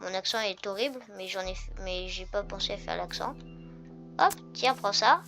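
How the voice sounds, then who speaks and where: A woman's voice: medium pitch, normal speed. A woman hosting a gaming video, commenting casually and thinking aloud as she tests things in the game. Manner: chatty, thinking aloud with fillers. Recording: game music playing behind.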